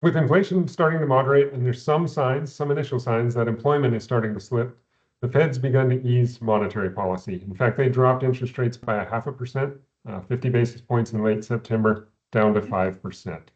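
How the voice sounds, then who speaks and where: A man's voice: mid-range voice, fairly even intonation, a little mellow. Man explaining finance over a muffled video call. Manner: measured, explanatory, with repeated words at phrase starts. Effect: heard over a video call. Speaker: investment adviser. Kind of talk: explaining economics in a recorded company Q&A.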